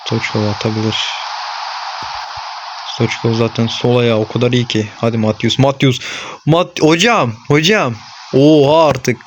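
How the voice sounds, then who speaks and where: Here a young man who runs a gaming channel provides live commentary on the football match he's playing, muttering to himself and cheering his on-screen players while venting his frustration. His mid-range voice keeps a fairly even intonation and a measured pace, though he's clearly agitated, and the background is noisy.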